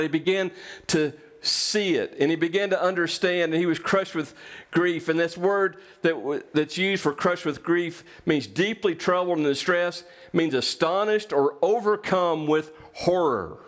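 A man's voice: sits high, a little slow, a bit bright. A man preaching a sermon as pastor, earnest and repetitive, building phrases one on another.

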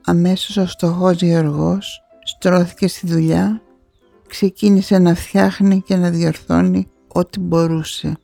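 A woman narrating a fairy tale in an expressive storytelling manner. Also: fairly low pitch, creaky, dry recording, faint music behind. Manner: expressive, rising on key moments.

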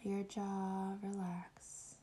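A woman leading a guided meditation in a soft, breathy, often whispery voice, soothing and hushed like at a spa, with long pauses. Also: mid-range voice, completely flat delivery.

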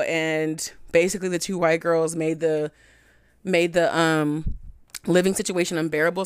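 A young woman hosting a podcast, telling a candid personal story in a frank, chatty way, full of "like" and animated swings in pitch. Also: clean tone, dry recording, studio quality. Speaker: podcast host.

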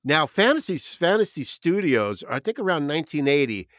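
A man's voice: a little high, big pitch swings, normal speed, fairly bright tone, dry recording, studio quality. A man with a New Jersey accent, co-hosting a music show and telling stories in casual, rambling chat while reeling off long lists. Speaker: podcast co-host.

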